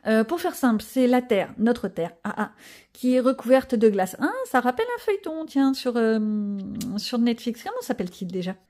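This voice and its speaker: A woman's voice: fairly high pitch, big pitch swings, moderate pace, darkish tone. A middle-aged woman, chatting casually and rambling with self-mocking asides in a home vlog. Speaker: vlogger. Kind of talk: casual chat while coloring.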